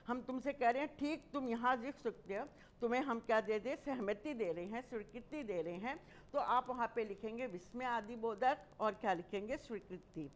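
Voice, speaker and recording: A woman teacher giving a school grammar lesson, slowly explaining each term and repeating her examples. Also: mid-range voice.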